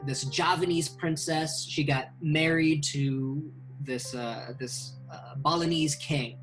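Animated man on a video call. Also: medium pitch, rough recording. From Indonesia. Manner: animated, gestures while talking, many fillers. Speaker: filmmaker and host. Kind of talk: casual video-call interview. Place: small bedroom indoors. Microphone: webcam video call.

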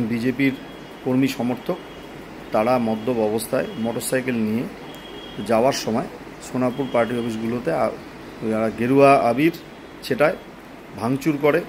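A man gives a political statement in a halting, deliberate way, speaking into a phone at arm's length in a small room. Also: mid-range voice, noisy background. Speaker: local political party leader. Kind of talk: spoken political statement to camera.

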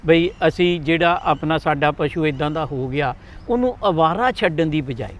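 A man's voice: on the high side, normal speed, fairly bright tone. A man with a Punjabi accent hosting a farm talk show, leading the interview and often checking in with his guest. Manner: leading, frequent "hai na" check-ins. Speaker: host.

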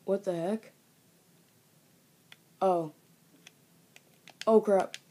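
A woman narrates her own game in a slow, unhurried way. Her voice is low, husky and dark. She jokes with her viewers and bursts out loudly when things go wrong in the game. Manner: chatty and jokey, talking to viewers; excitable outbursts during play. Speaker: gaming video creator. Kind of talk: let's play game commentary. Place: at home.

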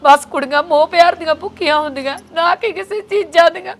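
Lady acting as a crying young married daughter, high voice, pleading and tearful. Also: a little fast. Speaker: daughter visiting her father.

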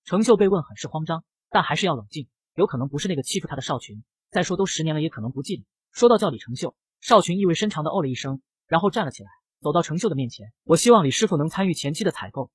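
A man reads a comic recap at a very fast pace, with brisk storytelling. His voice is husky and slightly high. The sound is dry and close. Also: expressive, no echo. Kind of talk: scripted comic narration.

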